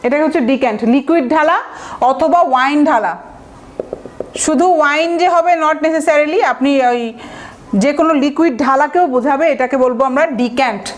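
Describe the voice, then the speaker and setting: A woman's voice: sits high, brisk. A woman teaching vocabulary in an exam-prep lecture. She explains step by step, spells words out letter by letter and asks her class rhetorical questions.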